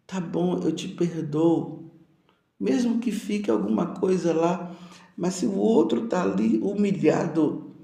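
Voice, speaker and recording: Brief: priest, homily, gravelly voice, lively pitch, asks the congregation questions. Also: male voice, echoey room. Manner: preaching with rhetorical questions, addressing listeners directly.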